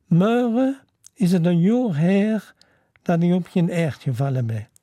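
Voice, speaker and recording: A storyteller voicing a gentle, earnest little prince, a small boy, speaking plainly and a little pleadingly. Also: mid-range voice, expressive, a little slow, no room sound, natural voice.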